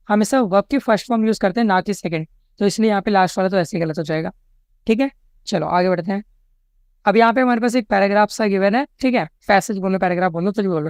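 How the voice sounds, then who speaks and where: A man with an Indian English accent teaching an exam-prep lesson. He reads each English question slowly, then explains it, often checking in with the students. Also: high voice, clear, resonant tone, no room sound. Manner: explanatory, keeps checking in with "ठीक है?".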